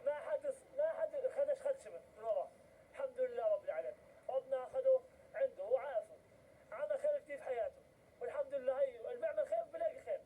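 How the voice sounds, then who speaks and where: A man's voice: extremely high pitch, very fast, mellow, slightly rough, low-quality recording. A young male with a Gazan Palestinian accent, speaking earnestly and insistently, repeating himself in an emotional interview.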